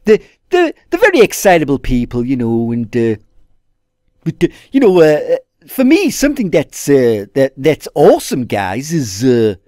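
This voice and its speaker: A man's voice: mid-range voice, huge pitch swings, moderate pace, mellow, dry recording, studio quality. A man giving a casual spoken review to his viewers. He hesitates and restarts often and calls them "guys". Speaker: TV episode reviewer. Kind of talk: casual video review monologue.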